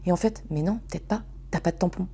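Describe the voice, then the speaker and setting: A woman hosting a casual storytelling podcast, slangy, swearing and animated as she talks to her listeners. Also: lowish voice, fast, gravelly, slightly rough. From France. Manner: slangy and swearing, addresses listeners as "les gars". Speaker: podcast host.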